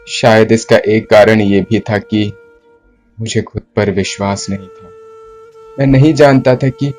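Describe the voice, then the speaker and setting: A man performs a theatrical monologue as a broken, remorseful poet confessing to his beloved in formal, literary language. His lowish, slightly mellow voice is lightly acted, brooding and deliberate, with dramatic pauses and repeated phrases. Flute music plays beneath him.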